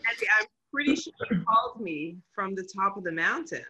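A woman hosts a casual conversation in a bright, forceful voice. She responds in a reflective, encouraging way and sums up what her guest says. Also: medium pitch, very animated, fairly quick, slight background noise. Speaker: host. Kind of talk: casual chat.

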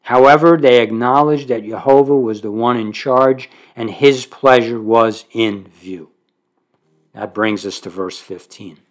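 A man's voice: medium pitch, a little slow. A man preaching a sermon, reading verses aloud and then explaining them in plain conversational asides, rising in force on key points. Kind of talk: expository sermon on scripture.

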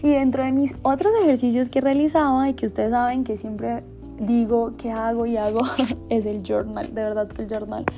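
Mellow woman, soothing and softly instructive. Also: fairly high pitch, flat delivery, normal speed, soft background music. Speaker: host sharing personal self-help exercises. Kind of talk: soft, slow guided meditation.

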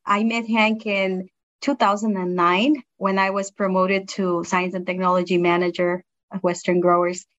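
A middle-aged woman who manages science in the produce industry speaks earnestly and appreciatively as a guest in a reflective interview, with a non-native English accent. Her medium-pitched voice is a bit bright, with flat delivery at a moderate pace, and the recording is muffled.

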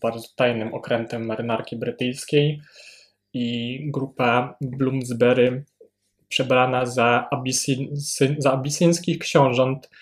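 A man's voice: mid-range voice, fairly even intonation, slow pace. A man in casual book discussion, speaking hesitantly and restarting words. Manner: hesitant, restarts words, reads passages aloud. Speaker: podcast co-host.

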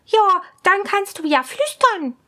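A spoiled young princess from a fairy tale, piping high and loud as she orders people about, as a woman reading the story puts her on. Her voice is bossy and imperious, and she drags out her words slowly. It is storybook reading with a strong put-on voice. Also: sing-song, full character voice. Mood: haughty.

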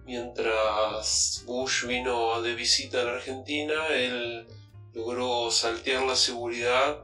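A man's voice: mid-range voice, fairly even intonation, slow, bright, forceful tone, faint music behind. A man telling an anecdote in a recorded clip, his voice distorted to hide who he is. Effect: distorted voice to hide identity. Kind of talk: recorded testimony played on air. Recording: distant, echoey distorted audio clip.

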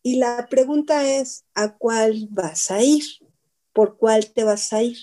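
This workshop speaker's voice is on the high side, with a dark tone and a slow pace. She chats casually with a small group, frequently questioning her audience and repeating words to stress them.

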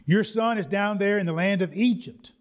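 A man delivers a sermon. He reads scripture slowly, leaning on key words. He tells homely stories in a folksy way. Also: high voice. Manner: folksy storytelling, slow deliberate emphasis on scripture. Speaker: preacher.

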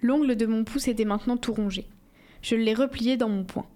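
A woman reading a first-person novel aloud in a steady, measured storytelling voice. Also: on the high side. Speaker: audiobook reader.

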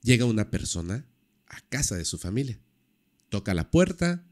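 A man casually telling a true-crime story on a podcast, lively and full of fillers. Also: fairly low pitch, moderate pace. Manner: animated, acts out quoted dialogue, many fillers.

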